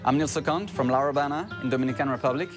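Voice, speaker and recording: A man's voice: mid-range voice, rapid-fire. A man presenting a documentary news program, giving a formal scripted sign-off from on location. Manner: steady, formal delivery. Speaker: reporter and presenter. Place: on location abroad. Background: guitar music.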